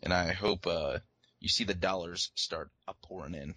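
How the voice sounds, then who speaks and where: A man's voice: low-pitched, normal speed, bright, forceful tone, no echo. A man co-hosting a casual podcast, rambling along with many fillers and encouraging his co-host. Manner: rambling, filler-heavy, supportive.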